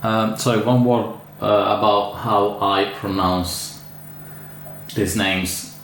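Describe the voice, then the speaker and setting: Italian man with a low, gravelly voice. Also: steady tone, slow pace, a bit bright. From Italy. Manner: hesitant, many fillers and restarts, chatty asides. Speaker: orchid grower. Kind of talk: casual unboxing vlog. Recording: echoey room with faint ambient noise.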